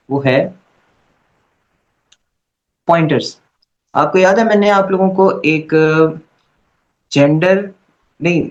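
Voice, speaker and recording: A male teacher explains grammar to his class with patient, step-by-step care, often pausing to check that everyone is following. His voice sits a little high for a man. The recording is dull and lo-fi. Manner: patient, repeats "okay" to check understanding. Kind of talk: online class lecture.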